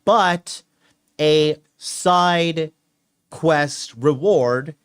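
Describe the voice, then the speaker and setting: A man's voice: a little high, very slow, clear, resonant tone. A man in his late thirties hosting a call-in advice show, emphatic and repetitive, often checking in with "okay". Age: 30s. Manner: emphatic, repeats himself, says okay a lot. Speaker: call-in show host and dating coach. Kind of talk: casual call-in advice talk.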